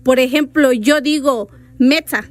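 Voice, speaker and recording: With a high, unhurried voice and no echo in the audio, a radio guest explains the writing rules of Zoque, her first language, patiently spelling words out. She is from Veracruz, Mexico.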